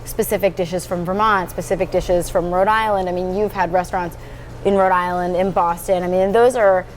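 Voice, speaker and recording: A woman's voice: lowish voice, steady tone, brisk, slight background noise. A woman hosting a food show, interviewing a chef in a friendly, enthusiastic way. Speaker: host and interviewer. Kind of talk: conversational interview.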